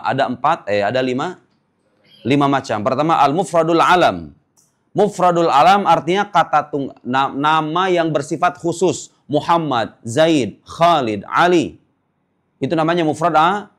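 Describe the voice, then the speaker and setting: A man teaching Arabic grammar in a classroom lecture. He explains step by step, checks whether his students follow, and chants the example words slowly. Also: mid-range voice. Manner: explains step by step, asking "paham nggak?".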